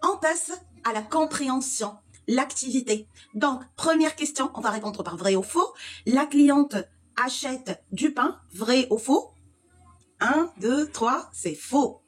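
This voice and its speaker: A woman teaching French to Arabic speakers with an Egyptian accent, explaining slowly and repeating words. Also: sits high, lively intonation, breathy edge. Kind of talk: language lesson, switching between French and Egyptian Arabic.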